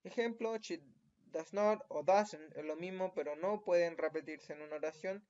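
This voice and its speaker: A man's voice: on the high side, normal speed, a little mellow. A man with a Chilean accent teaching a recorded lesson, patient and checking in with the listener after almost every point. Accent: Chilean Spanish. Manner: patient, checks in often with tag questions. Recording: dull lo-fi recording.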